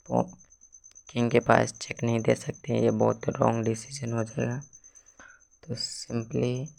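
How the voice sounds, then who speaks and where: A hoarse man walks through chess moves one at a time in a casual tutorial. His voice is gravelly and his pitch stays level, and he talks at a slow, deliberate pace. English words slip in among his explanations. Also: a little mellow. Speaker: chess teacher.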